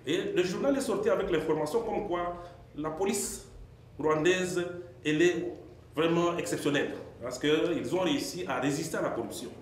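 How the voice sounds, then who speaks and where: A man's voice: fairly high pitch, normal speed. A man from the audience raising observations at a press conference, telling an example in an earnest, emphatic way. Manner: earnest, storytelling, rising with emphasis. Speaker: audience member asking a question. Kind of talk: long question from the floor. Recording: very echoey hall with faint noise.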